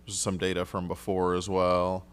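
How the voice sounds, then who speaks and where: A man with a slightly low, smooth and clear voice asks careful questions as a city council member. He is polite and halting, restarting his sentences as he works things out. He speaks into a desk microphone in a council chamber. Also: monotone.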